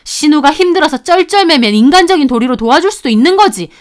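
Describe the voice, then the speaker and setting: A woman reading a story voices a rude, abusive sister-in-law in her thirties, yelling insults. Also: sits high, expressive, fast talker, voice pushed up. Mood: furious.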